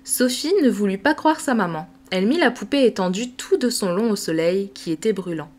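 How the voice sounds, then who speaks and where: A woman reading a classic children's novel aloud as an audiobook, with measured, clear storytelling. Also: mid-range voice, expressive, a little mellow. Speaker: audiobook reader. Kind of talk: scripted narration.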